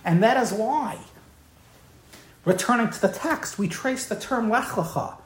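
A woman's voice: fairly high pitch, expressive, unhurried. A woman giving an evening Torah lecture in an emphatic, impassioned way, often repeating key words. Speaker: Torah teacher. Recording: roomy, echoey room.

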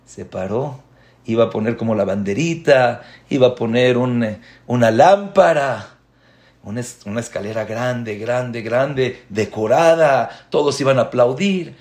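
A man's voice: medium pitch, unhurried. A man, a religious teacher telling a story as a sermon, raising his voice for emphasis. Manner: animated storyteller, voice rising for emphasis.

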